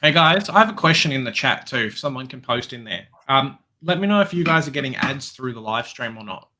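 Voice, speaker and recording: A man's voice: mid-range voice, animated, brisk, sharp tone. A man co-hosting a football live stream, laid-back and casual. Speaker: co-host.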